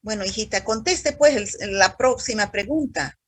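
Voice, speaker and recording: Stern husky woman teacher on a video call. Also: medium pitch, normal speed, no room sound, studio quality. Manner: stern, scolding, calls students hijita. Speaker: university microbiology teacher. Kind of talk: online class roll-call quiz.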